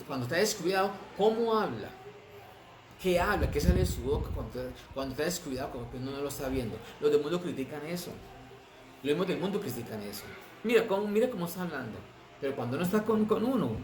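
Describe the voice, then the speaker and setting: A man preaching a sermon as pastor, drawing words out for stress and asking the congregation rhetorical questions. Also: medium pitch. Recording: echoey room with noise.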